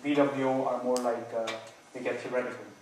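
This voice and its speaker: A man defending his PhD thesis, nervous and hedging, halting with many false starts and repeated words. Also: mid-range voice, level tone, darkish tone. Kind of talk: academic thesis defense, spontaneous answers. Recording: very echoey room, distant mic, faint noise.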